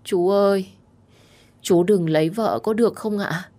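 A woman's voice: mid-range voice, expressive, normal speed, pitched above the performer's own voice, natural voice. A woman voicing a drunk, tearful young woman who is stubborn and clingy, whining and pleading. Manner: whiny, insistent, pleading.

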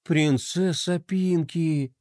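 A man doing a chirpy high toy skater boy. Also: sing-song, slow pace, no room sound, studio quality, heavily acted. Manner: chirpy, lovestruck, giggly. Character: excitable young male toy skater.

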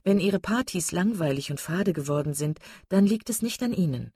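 Calm sensible young woman, measured, by a woman reader. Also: fairly low pitch, slightly rough, dry recording, studio quality.

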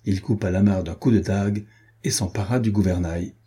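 A man reading a historical adventure novel aloud as an audiobook narrator, in an even, measured way. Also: low-pitched, slightly rough. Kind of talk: scripted narration.

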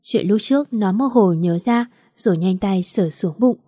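Mellow woman reading a story. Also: mid-range voice, moderate pace, no echo, clean studio sound. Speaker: narrator. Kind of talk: audiobook story narration.

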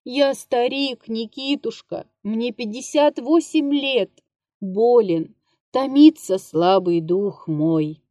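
A woman voicing a frightened, maudlin drunken old male comic actor of fifty-eight in a literary audiobook, muttering, shouting in terror and whimpering. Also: a little high, slow, no echo, studio quality. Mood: plaintive whimpering. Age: 58 (figure).

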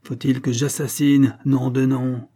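A man reading the part of a ragged, bitter former soldier turned vagabond, giving him a hoarse, indignant voice. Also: medium pitch, level tone, measured pace, warm tone. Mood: exasperated. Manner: indignant, exasperated outburst.

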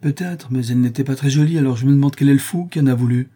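A man's voice: medium pitch, racing, warm tone, slightly rough, pitched above the performer's own voice, natural voice. A man voicing a weary, distraught woman who turns bitter and resentful in a read-aloud story.

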